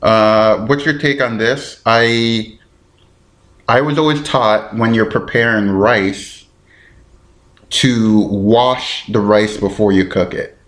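A man's voice: lowish voice, steady tone, slow, a bit bright. A man hosting his own podcast, chatting casually on his own and thinking aloud in a rambling, easygoing way. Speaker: podcast host. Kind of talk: casual solo podcast chat.

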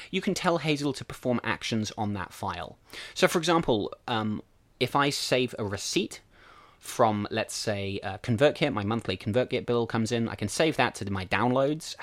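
A man with a lowish voice talks through ideas on his own podcast, relaxed and casual, with fillers as he explains step by step. The sound is dry and close, with no room around it. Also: no room sound. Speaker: podcast host. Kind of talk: solo podcast talk.

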